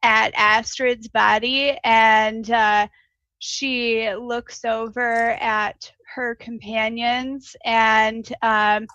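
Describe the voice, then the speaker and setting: A woman improvising a character description as a tabletop player, hesitant and halting, on a slightly dull recording. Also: fairly high pitch, little pitch movement, pushed and bright, dry recording. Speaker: tabletop role-playing player.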